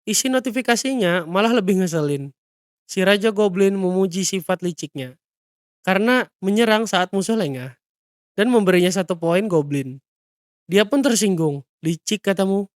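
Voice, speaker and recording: Narrator: man, high voice, playful comic recap delivery. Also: normal speed, dry recording, clean studio sound. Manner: lively, playful slang.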